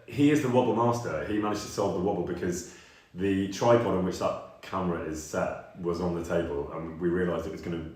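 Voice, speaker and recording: A man with a very low voice co-hosts a live stream, chatty and quick to laugh. His voice rings in a big hall echo, as if he were in a large bare room. He sounds relaxed and thankful as he talks to viewers. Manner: laughs often, warm thank-yous. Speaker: streamer co-host. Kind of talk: casual live stream chat. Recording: very echoey room.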